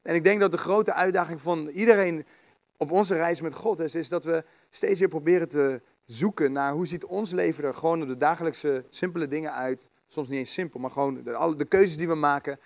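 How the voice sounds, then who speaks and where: A man giving a relaxed, conversational sermon with many fillers and restarts, reading scripture aloud. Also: fairly high pitch, brisk, no room sound. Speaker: preacher. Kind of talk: informal sermon.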